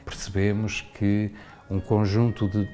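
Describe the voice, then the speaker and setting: Deep-voiced man explaining a play. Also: completely flat delivery, unhurried, warm tone, soft background music. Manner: thoughtful, explanatory, frequent "não é?". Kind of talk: interview.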